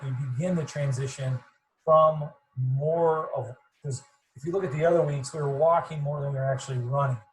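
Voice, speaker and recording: A man coaching runners over a video call, rambling and repeating himself in a fairly monotone voice, sounding muffled and fuzzy. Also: a little high, a little hiss or hum. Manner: rambling, repeats words, self-described monotone. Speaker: running coach. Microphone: computer mic on video call.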